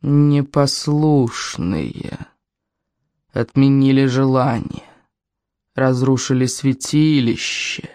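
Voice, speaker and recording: A reader voicing a slow, commanding female well spirit in an audiobook. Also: medium pitch, dark tone, no echo, clean studio sound, voice pushed down. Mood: menacing.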